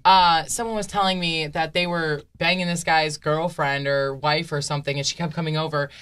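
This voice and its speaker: A woman's voice: low-pitched, fairly even intonation, moderate pace, a bit bright, clear, resonant tone. A woman co-hosting a podcast, talking candidly and bluntly in casual chat, laughing often. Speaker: podcast co-host.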